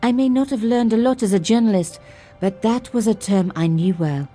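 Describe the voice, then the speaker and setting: A woman's voice: on the high side, normal speed, dark tone, soft background music, lightly acted. An actress voicing a young woman journalist who narrates her sleuthing with dry, self-mocking asides. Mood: wry. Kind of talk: game voice-over narration.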